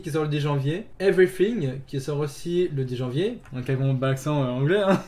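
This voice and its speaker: A man's voice: fairly high pitch, darkish tone. A man hosting a gaming video, chatting casually with many fillers and restarts and laughing at himself. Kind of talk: casual chat.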